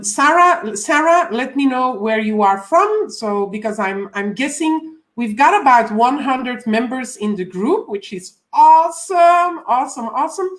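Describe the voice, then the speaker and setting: A woman from Belgium in her forties, a coach hosting a live stream, welcoming viewers over and over with frequent ums. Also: fairly high pitch. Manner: warm repeated welcomes, frequent ums, reads viewer comments.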